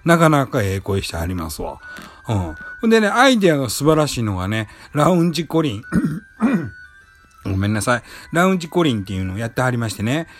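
Man, Kansai accent, chatty solo host, animated voice, soft music underneath. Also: medium pitch, brisk. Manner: rambling, many fillers and restarts. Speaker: podcast host. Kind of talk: casual solo talk. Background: faint background music.

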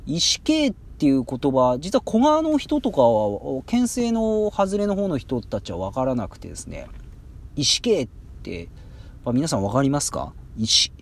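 A man from Ibaraki hosting his own podcast, chatting casually with lots of drawn-out fillers. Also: medium pitch, big pitch swings. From Ibaraki, Japan. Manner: chatty, drawn-out fillers, acts out quoted rough dialect phrases. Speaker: podcast host. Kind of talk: casual solo talk explaining local dialect.

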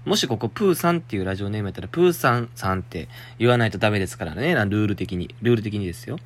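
Speaking rapid-fire in a lowish, expressive voice, a young Kansai-accented man from Shiga runs a solo talk show. He meanders chattily through a letter sent in by a listener. Along the way he laughs and mutters under his breath.

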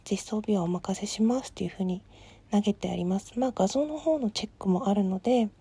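A woman host whispering softly through a calm late-night solo talk, with many small fillers. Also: mid-range voice, fairly quick, husky. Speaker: podcast host.

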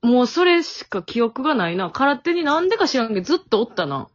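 A young woman with a Kansai accent talks in an easygoing, self-deprecating way. Her voice sits a bit high and moves a lot in pitch. She calls in from home, and the audio sounds dull and lo-fi. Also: big pitch swings, fast. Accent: Kansai Japanese. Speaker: podcast co-host. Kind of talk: casual chat. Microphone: remote call.

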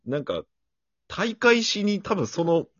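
A man's voice: high-pitched, big pitch swings, takes it slowly, dry recording. A young man, chatting casually on a podcast and protesting with laughs. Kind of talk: casual chat. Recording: dull lo-fi recording.

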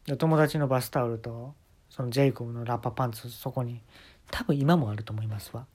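A man's voice: mid-range voice, quick pace, darkish tone. Exasperated Kansai man telling a story. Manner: exasperated, wry complaining. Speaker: podcast host. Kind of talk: casual comic storytelling. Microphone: phone mic.

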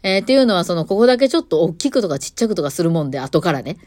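A violinist woman, chatting on her own in a relaxed, explanatory way from a studio. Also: fairly low pitch, racing, dry recording. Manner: chatty and explanatory, with many fillers. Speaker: violinist and podcast host. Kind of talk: casual solo talk. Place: recording studio.

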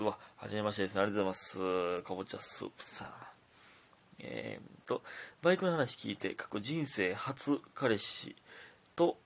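A young man with a Kansai accent hosts his own talk podcast, reading listener letters and chatting between them. His voice sits fairly low and has a gravelly, husky edge. He rambles, pokes fun at himself, and drops to muttered asides between louder bursts. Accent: Kansai Japanese. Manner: chatty and self-deprecating, drifting between loud bursts and mumbled asides.

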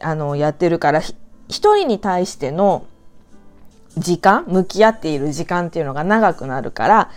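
A woman hosting her own talk channel, telling a story in a chatty, animated way and drawing out her sentence endings. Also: fairly low pitch, normal speed, faint music behind. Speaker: talk show host. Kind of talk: casual storytelling monologue.

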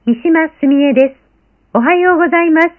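A woman, a professional announcer, speaking in a muffled sample with her high frequencies filtered out, so she sounds like she is heard through a wall. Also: fairly quick. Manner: clear, announcer-style delivery. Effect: muffled with the high frequencies cut, like a voice through a wall. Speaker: freelance announcer and speaking coach.

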